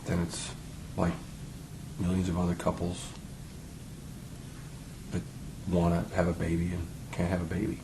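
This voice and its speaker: A man playing an earnest, reassuring husband in a couples therapy role play, fumbling haltingly for his words. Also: sits low, completely flat delivery, creaky, background noise.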